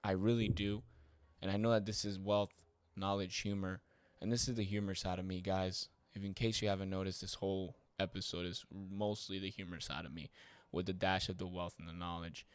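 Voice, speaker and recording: A man hosting his own podcast, telling life stories in a loose, animated way, swearing and dropping slangy asides. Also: deep voice, brisk, clean tone, dry recording. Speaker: podcast host. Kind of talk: casual personal storytelling monologue.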